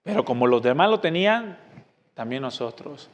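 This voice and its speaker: A man preaching a sermon as pastor. He preaches emphatically, with sudden loud rhetorical questions and quiet asides. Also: mid-range voice, big pitch swings, moderate pace, lo-fi sound. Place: church meeting hall. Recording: long reverb from a church hall.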